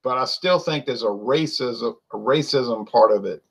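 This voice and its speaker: A man's voice: mid-range voice, moderate pace, slightly rough, poor audio. Male co-host, rambling and opinionated, everyday mid-range voice, loose casual delivery. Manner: rambling and opinionated, many fillers and restarts. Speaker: wine show co-host. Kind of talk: casual chat.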